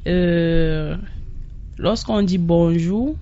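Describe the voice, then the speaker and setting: A woman guest on the radio teaches her language, speaking slowly. She says each phrase and then explains its meaning. Her voice has a dull, lo-fi sound. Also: on the low side, mellow. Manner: slow, spells out each phrase and gives its meaning.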